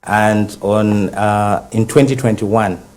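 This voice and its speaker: Deep-voiced Zambian lawyer laying out dates. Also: male voice, steady tone, slow, a little mellow. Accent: Zambian English. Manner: methodical, recounts a timeline with frequent uh fillers. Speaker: legal counsel for a conservation group. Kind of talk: studio TV panel discussion.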